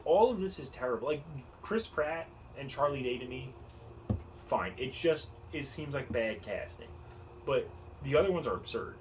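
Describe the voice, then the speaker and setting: A man co-hosting a podcast in casual chat, animated and incredulous, laughing often. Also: mid-range voice, normal speed, a little hiss or hum, poor audio. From United States. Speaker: podcast co-host.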